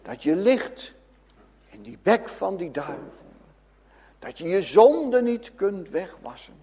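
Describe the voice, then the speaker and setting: A man preaching a sermon to children and adults, swinging between loud calls and hushed lines. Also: sits high, very animated, slow, slightly rough, in a large hall.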